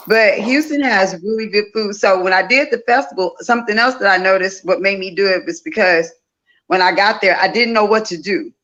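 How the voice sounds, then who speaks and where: A woman from Louisiana, in her 50s, guests on an interview as a festival organizer, telling stories in a relaxed way and repeating phrases for emphasis. Her medium-pitched voice runs at normal speed with a fairly bright tone. The audio sounds dull.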